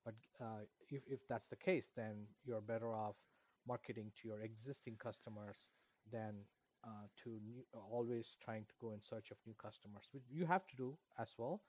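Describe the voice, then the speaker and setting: A middle-aged Indian author, a native Kannada speaker, answers interview questions at length, rambling with many fillers and restarts. His voice is fairly low and slightly mellow, at normal speed.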